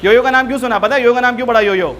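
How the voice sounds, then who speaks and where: Man, teacher, bright tense voice, faint background noise, lively classroom lecture. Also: extremely high pitch, quick pace. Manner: lively, rhetorical questions to students, switches between languages. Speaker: English teacher. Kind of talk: classroom lecture mixing Hindi-Urdu and English.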